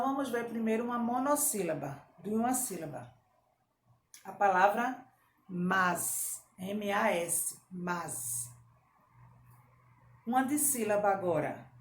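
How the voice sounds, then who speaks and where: A woman teaching a grammar lesson to children, slowly repeating their answers and praising them. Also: on the high side. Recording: echoey room with faint background hiss.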